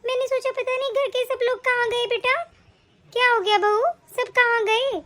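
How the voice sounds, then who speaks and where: Older cartoon aunt, reassuring and bossy, very high voice, a woman doing it. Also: little pitch movement, moderate pace, a bit bright. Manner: reassuring orders, motherly fussing. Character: older aunt, warm but commanding. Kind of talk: animated family story voice acting.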